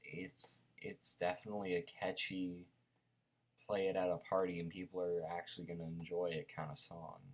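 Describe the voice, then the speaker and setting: A young man casually reviewing an album, rambling with lots of fillers and restarts, a bit sleepy. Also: deep voice. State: sleepy, yawning.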